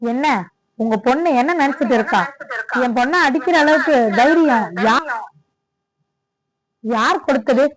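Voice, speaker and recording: A woman voicing a scheming, sharp-tongued middle-aged mother who scolds in a shrill way. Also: a little slow, pauses often, poor audio. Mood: angry scolding.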